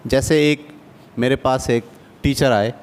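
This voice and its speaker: A man's voice: mid-range voice, steady tone, slow, slight background noise. Patient man teaching basic math. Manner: patient, asks checking questions. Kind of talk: adult-education math lesson.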